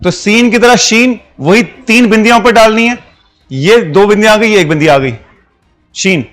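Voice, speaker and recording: A man teaches a class, explaining things patiently one step at a time. His voice sits high for a man, and he keeps dropping English phrases into his Hindi. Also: normal speed, a bit bright. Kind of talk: classroom lesson.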